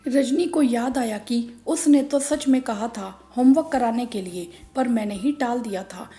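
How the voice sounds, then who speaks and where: Brief: female storyteller, scripted narration, warm mellow tone, somewhat high, faint music behind. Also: a little slow.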